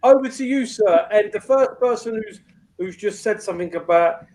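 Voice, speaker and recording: A man's voice: high-pitched, normal speed, darkish tone. A man hosting a casual livestream in a matey, rambling, sweary way. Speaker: livestream host.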